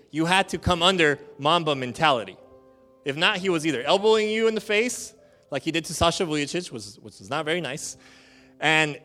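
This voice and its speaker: A male pastor preaching a sermon in a lively, joking, conversational way. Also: on the high side.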